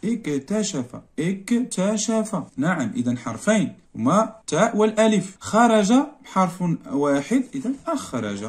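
A man with a Moroccan accent, teaching a grammar lesson and working through exercises step by step, often repeating single words slowly to stress them. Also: high voice, big pitch swings. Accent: Moroccan Arabic. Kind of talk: classroom lesson walkthrough.

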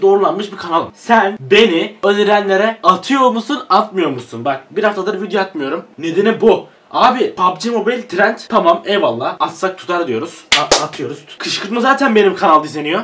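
A young man with a high voice rants in a frustrated, half-joking way, swearing freely. He sits a little back from the mic, with faint noise under the recording. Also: distant mic. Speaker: YouTuber. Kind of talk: ranting vlog.

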